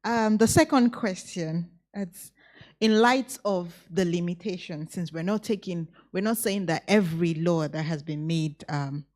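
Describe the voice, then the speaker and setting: A woman's voice: lowish voice, measured pace, darkish tone. A woman moderating a conference panel, asking a long formal question and restating it. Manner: formal, repeats her question.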